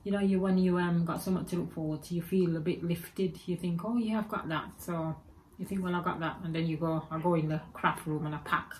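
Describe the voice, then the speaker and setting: A woman in her forties vlogs to camera from a room at home lined with spooky shelves, chatting casually in a rambling way and correcting herself as she goes. She's from England and speaks Birmingham English with traces of Jamaican and Egyptian; her voice is fairly low, darkish and brisk, with fairly even intonation. A webcam or phone camera at her desk captures it on a low-quality recording with a little hiss or hum.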